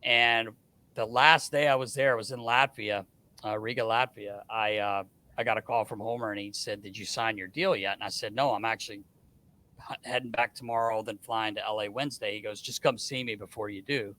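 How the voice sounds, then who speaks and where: A man's voice: lowish voice, a little fast. A middle-aged man, a guest on a podcast, telling stories in casual chat, acting out what others said with many restarts. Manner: animated storyteller, acts out quoted dialogue, frequent restarts. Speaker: guest, hockey scout.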